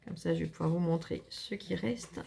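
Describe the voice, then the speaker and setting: Gushing French woman with a gravelly voice. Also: lowish voice, moderate pace, warm tone, a little hiss or hum. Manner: gushing, enthusiastic, chatty. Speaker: scrapbooking vlogger. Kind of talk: casual unboxing chat to viewers.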